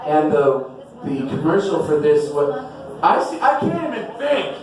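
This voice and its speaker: A male stand-up comedian rambling through a self-deprecating set, sweating heavily, with bursts of shouted high voices. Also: big pitch swings, a little slow, recorded from a distance. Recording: echoey venue mic heard from afar with crowd. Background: audience.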